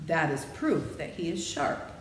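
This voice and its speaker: A timid lion who speaks plainly and earnestly, voiced by a woman reader for a storybook. The sound is roomy, with faint noise, and the pitch is low for a woman. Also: expressive, a little slow. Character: timid male lion seeking courage, plain-spoken. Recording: roomy echo, background noise.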